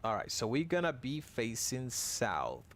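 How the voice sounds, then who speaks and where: A man's voice: mid-range voice, wildly swooping pitch, measured pace, fairly bright tone. Casual man streaming a flight simulator. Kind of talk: casual live gaming commentary.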